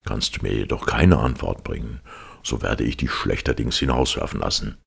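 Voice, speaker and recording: A man voicing a stern, commanding king in a storybook reading, speaking lower and slower than his narration. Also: gravelly, fairly bright tone, slightly rough, heavily acted.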